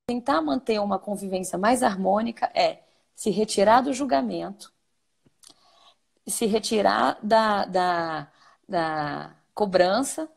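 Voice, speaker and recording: Brazilian woman therapist, husky and gravelly voice, chatty, explains by asking herself questions. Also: mid-range voice. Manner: conversational, asks and answers her own questions. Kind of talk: explanatory interview talk.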